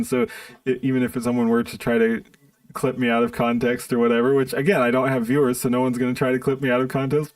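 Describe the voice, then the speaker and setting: A man's voice: mid-range voice, dry recording, far from the mic. A man streaming live, ranting bluntly and profanely in an exasperated tone. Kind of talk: live-stream commentary rant.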